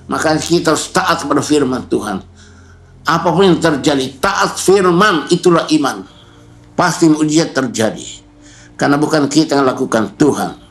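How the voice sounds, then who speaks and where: A male pastor preaching a sermon, repeating key words and pausing for emphasis. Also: on the high side, animated, reverberant. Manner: preaching with repetition and emphatic pauses.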